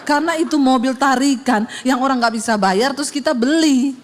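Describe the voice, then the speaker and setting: A woman's voice: sits high, a little fast. A middle-aged woman pastor, telling a funny story in a sermon and acting out the sounds and voices in it. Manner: animated and humorous, acts out sounds and dialogue.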